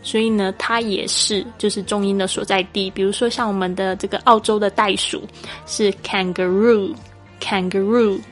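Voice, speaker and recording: A woman hosting a podcast English lesson. She explains patiently and spells English words out slowly, letter by letter. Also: mid-range voice, flat delivery, soft background music. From Taiwan. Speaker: English teacher and podcast host.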